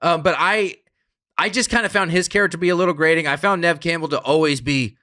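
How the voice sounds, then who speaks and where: A man with a bright, fairly high voice talks casually through a movie review on a podcast. He rambles a little, circles back and jokes at his own expense. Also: fairly even intonation, quick pace. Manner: rambling, self-deprecating, quotes lines in funny voices. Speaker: podcast co-host.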